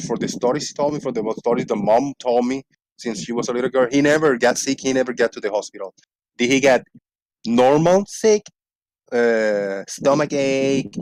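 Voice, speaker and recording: A man's voice: mid-range voice, noisy background. A man in his forties from Puerto Rico with a Puerto Rican accent, a native Spanish speaker chatting loosely on his livestream, laughing and swearing, with a little frog in his throat. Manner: rambling, laughing, swears freely. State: slight frog in the throat, clearing it. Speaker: livestream host. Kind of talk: casual livestream chat.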